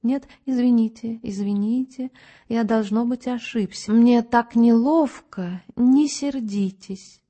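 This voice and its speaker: A woman's voice: fairly high pitch, slow, dark tone. Woman playing a tearful, over-polite madman. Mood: tearful apologetic. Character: unhinged, endlessly apologetic male investigator.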